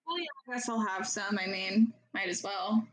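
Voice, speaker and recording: A woman's voice: mid-range voice, steady tone, moderate pace, rough recording. A woman casually improvising as a player in a tabletop role-playing game.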